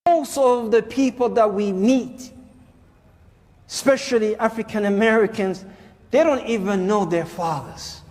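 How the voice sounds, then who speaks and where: A man speaking loudly and emphatically in a played-back clip. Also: sits high, measured pace, in a large hall.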